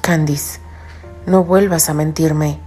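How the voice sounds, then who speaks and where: A woman reading a romance audiobook, voicing a jealous, arrogant young man in a low, clipped, stern tone. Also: steady tone, takes it slowly, mellow, soft background music.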